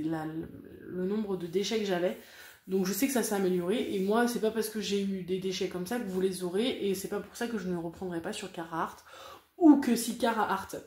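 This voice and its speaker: A woman's voice: medium pitch, warm tone, echoey room. A woman talking casually to her viewers in a frank, rambling vlog review, full of fillers and repeated words. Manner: chatty, frank, rambling with many fillers and repetitions. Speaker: craft vlogger reviewing a diamond painting kit.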